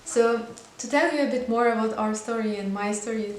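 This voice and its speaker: A woman's voice: fairly high pitch, fairly quick. A woman in her twenties, a native French speaker from Belgium, chatting earnestly to camera about her life. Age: 20s. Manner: earnest and chatty, with small restarts. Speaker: vlogger. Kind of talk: casual personal monologue to camera. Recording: echoey room with faint hiss.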